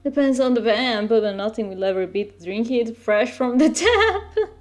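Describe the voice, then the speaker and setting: A woman's voice: a little high, animated, moderate pace, faint music behind. A woman streamer reading a visual novel aloud, laughing often as she goes. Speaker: let's-play streamer.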